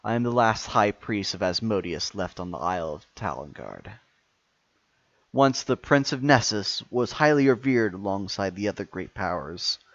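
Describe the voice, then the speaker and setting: A smug, devout high priest of evil , acted out by a male game master delivers a grand villain monologue at the gaming table. His formal, commanding voice sits fairly low. The recording is slightly dull. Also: animated, normal speed. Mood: proud, grandiose. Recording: muffled, echoey room.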